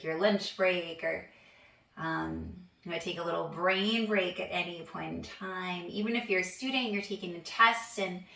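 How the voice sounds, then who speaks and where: A young woman teaching a guided hand massage class, relaxed and chatty, laughing at herself now and then. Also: fairly low pitch, vocal fry. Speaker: yoga instructor. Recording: echoey room, voice from a distance.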